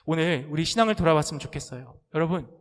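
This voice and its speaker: High-voiced male pastor in reverberant church. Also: expressive, rapid-fire. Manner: acts out complaining prayers with rising, pleading intensity; asks the congregation direct questions. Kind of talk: sermon. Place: church sanctuary. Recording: long hall reverb.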